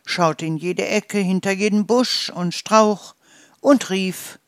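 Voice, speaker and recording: A storyteller reading a children's story aloud in a calm, measured way. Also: mid-range voice, no echo, clean studio sound.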